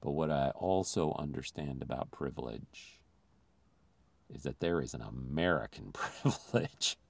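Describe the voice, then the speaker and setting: A man's voice: very deep voice, unhurried, vocal fry, dry recording. A man who grew up in the Philippines, giving an earnest, confessional sermon as a pastor.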